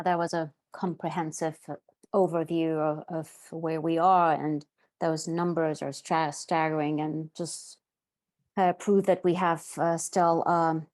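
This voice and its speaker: A woman moderating a panel discussion, polite and a little halting as she hands over to speakers. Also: deep voice, darkish tone. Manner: polite, with fillers.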